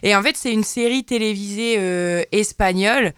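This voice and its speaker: A woman presenting a TV series review on a radio show, hesitant and filling pauses with many fillers. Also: medium pitch, fairly bright tone, smooth, dry recording, clean studio sound.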